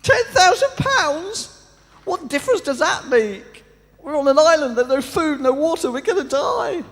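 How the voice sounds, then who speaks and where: A man playing a panicked castaway, much higher than his own voice, yelling, lively swings. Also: measured pace, full character voice. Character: panicking stranded man, shrill and frantic. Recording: long church reverb.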